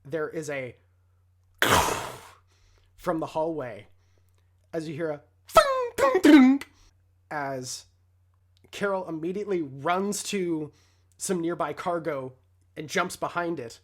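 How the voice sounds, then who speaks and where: A man's voice: a little high, huge pitch swings, takes it slowly, pauses often, a bit bright. A man narrating an improvised tabletop game as the game master.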